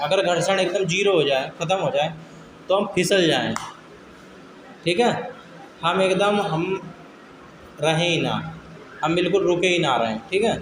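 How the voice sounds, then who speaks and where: A man with a notably high voice teaches a science class, reading points out slowly and then explaining them in plain terms. He keeps checking in with the class and is firm when they fall behind. The room is echoey with clear background noise. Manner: dictates slowly from notes, then explains with everyday examples, repeating "okay"; scolds students firmly. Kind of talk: classroom lecture.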